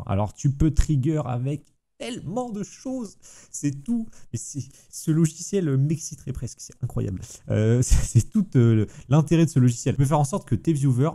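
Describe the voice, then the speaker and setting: A man, casually talking the viewer through a software tutorial with chatty enthusiasm. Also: lowish voice. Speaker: streaming tutorial host. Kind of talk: casual screen-recorded tutorial.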